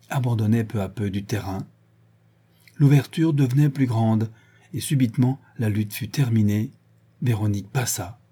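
Man, audiobook narrator, husky voice, mellow low tone, measured literary reading.

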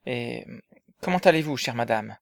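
A man voicing Riquet, an eager, affectionate young man in love, in a dramatized story reading, often hushed and conspiratorial. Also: mid-range voice, expressive, normal speed, vocal fry.

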